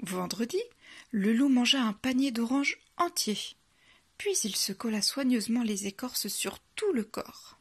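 A woman reading a children's bedtime story aloud in a soft, hushed, unhurried way. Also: a little high, expressive, slightly rough.

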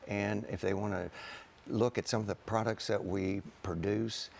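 A man's voice: lowish voice, steady tone, normal speed, vocal fry, darkish tone. A man, a farmer guest speaking plainly and earnestly in a TV studio interview, with many fillers, on a lapel mic. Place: TV studio set.

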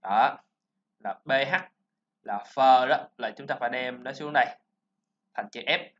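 A man teaching a pronunciation lesson, explaining sounds and repeating words slowly for learners to copy. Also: mid-range voice, a bit bright. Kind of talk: classroom-style pronunciation lesson. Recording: slightly dull lo-fi recording.

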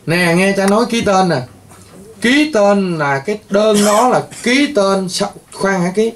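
A male priest with a high-pitched voice. He rambles, scolds and lectures his listeners, often breaking into exclamations. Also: unhurried, a little hiss or hum. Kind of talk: scolding talk to patients.

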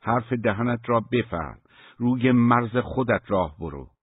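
A man's voice: medium pitch, lively intonation, breathy edge, no echo, pitched above the performer's own voice. A man voicing a hot-tempered, blunt younger brother who talks in curt, commanding lines. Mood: angry. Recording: thin phone-like dry recording.

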